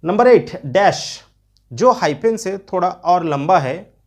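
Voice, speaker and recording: An English grammar teacher, giving a video lesson and explaining each term slowly, then repeating it in Hindi and in English. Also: medium pitch, expressive, darkish tone.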